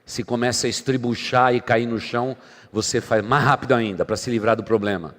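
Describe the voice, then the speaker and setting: A man preaching a sermon as pastor, dramatic, swinging between loud emphasis and quiet asides. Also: medium pitch, steady tone, fairly quick. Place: church sanctuary. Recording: long hall reverb from church.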